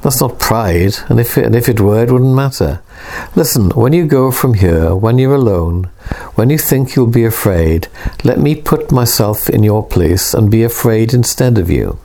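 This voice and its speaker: A man reading a calm, persuasive poet. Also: mid-range voice, moderate pace, few pauses, lightly acted. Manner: earnest, reassuring. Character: calm, persuasive male poet, gently insistent.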